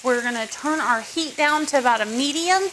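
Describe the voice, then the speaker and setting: A woman's voice: high-pitched, moderate pace, fairly bright tone, slight background noise. A woman hosting a casual cooking tutorial in her home kitchen, chatting viewers through each step. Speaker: cooking show host.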